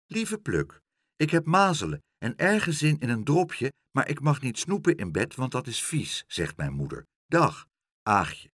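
A man's voice: medium pitch, huge pitch swings, a little slow, a bit bright, breathy edge, no echo, clean studio sound, voice pushed up, exaggerated voice. A man voicing a sick little girl in bed from a children's storybook, light and childlike. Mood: sweet.

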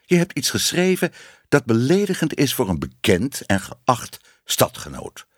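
A man's voice: medium pitch, wildly swooping pitch, measured pace, dry recording, clean studio sound, pitched above the performer's own voice. A man reading a storybook and voicing a nervous, stammering male newspaper editor. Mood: stern.

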